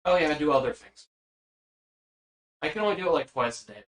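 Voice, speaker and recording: A man's voice: fairly high pitch, lively intonation, a little fast. A man playing a tabletop game, teasing his friends and swearing casually. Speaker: player. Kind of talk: joking table banter. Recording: roomy sound.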